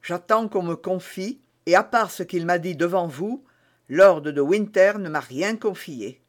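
A man's voice: high-pitched, measured pace. Man reading a grave, pious soldier guard. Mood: grave, stern. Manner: grave, solemn. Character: stern, pious young male soldier guard.

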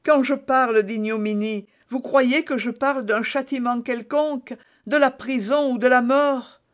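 A man's voice: extremely high pitch, fairly even intonation, a little slow, voice pushed up. A man reading an audiobook voices a desperate, scheming woman prisoner who pleads and prays in a tearful, theatrical way. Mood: pleading, indignant.

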